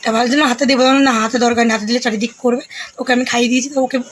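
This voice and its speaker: Chatty, fast-talking woman vlogger. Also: on the high side, fairly even intonation. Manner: rambling, chatty storytelling with many fillers. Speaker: family vlogger. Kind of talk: casual chat to viewers. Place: home.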